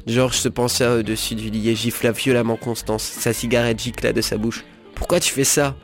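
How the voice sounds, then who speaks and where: Guy reading a story out loud, monotone, faint music behind. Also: medium pitch, normal speed. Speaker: reader. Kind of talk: reading a novel excerpt aloud.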